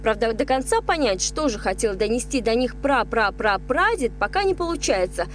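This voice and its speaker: High, lively woman news reporter. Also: moderate pace, a little hiss or hum. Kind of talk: scripted news report voice-over.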